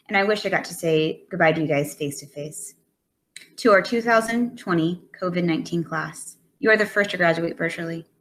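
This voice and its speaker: A woman teacher sends a friendly, direct goodbye to seniors. Her voice sits on the low side, with a faint hiss behind it. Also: fairly bright tone. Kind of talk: recorded graduation message.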